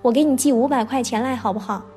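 A woman reading the lines of a calm, patient elderly male monk, asking gentle questions. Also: fairly high pitch, fast talker, soft background music, natural voice.

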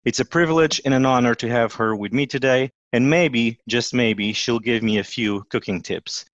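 A man's voice: mid-range voice, moderate pace, fairly bright tone, dry recording, dull audio. Upbeat Portuguese-accented man hosting. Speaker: podcast host. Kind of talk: podcast interview.

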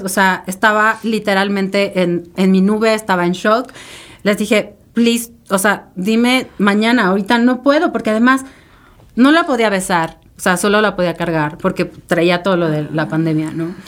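Woman telling a personal story. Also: medium pitch. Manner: emotional, rambling, full of fillers and tag questions. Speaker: interview guest. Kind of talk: personal storytelling in a podcast interview.

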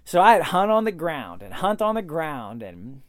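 A man's voice: a little high, measured pace, no echo. Rambling male podcast host, dry sound. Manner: rambling, many fillers and restarts; animated when quoting others. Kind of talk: solo podcast storytelling.

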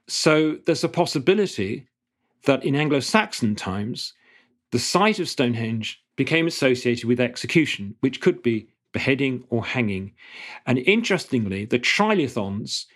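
Middle-aged man, archaeologist guest, explaining thoughtfully with restarts, mid pitch. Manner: thoughtful, halting restarts then fluent explanation. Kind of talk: explanatory interview answers.

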